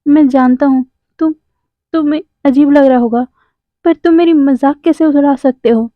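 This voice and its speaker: Hurt, stammering young man, put on by a woman; high voice, phone-like recording. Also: fairly even intonation, moderate pace, dry recording, close to an everyday voice. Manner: stammering, breaks off words. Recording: dry, tinny phone-like sound.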